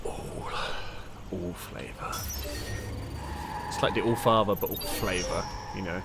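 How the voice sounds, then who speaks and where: A man's voice: sits low, slow, creaky, very noisy. A man giving casual game commentary and chat in a rambling, jokey, sweary way. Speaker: gaming streamer.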